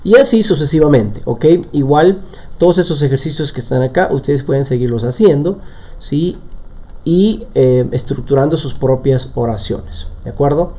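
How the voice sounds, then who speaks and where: A man's voice: fairly high pitch, animated, moderate pace, warm tone. A man teaching a live online language lesson, explaining step by step and often checking in with his students. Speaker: English teacher.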